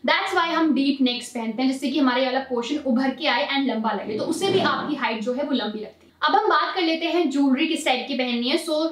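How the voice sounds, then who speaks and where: A woman's voice: high-pitched, brisk, hardly any pauses. A young woman giving casual fashion tips in a chatty vlog, mixing English words into her Hindi and calling her viewers guys. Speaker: fashion vlogger. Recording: roomy echo, from a distance.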